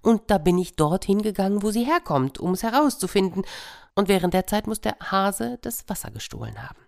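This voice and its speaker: A woman voicing a gushing, excitable monkey. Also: medium pitch, brisk, creaky, voice pushed up. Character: flustered male monkey, excitable and dreamy.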